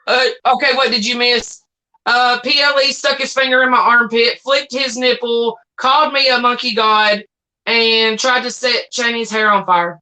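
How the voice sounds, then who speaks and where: A middle-aged woman co-hosting a casual live chat from home over a call, playful and teasing, quick to laugh. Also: fairly high pitch, steady tone, pushed and bright, poor audio.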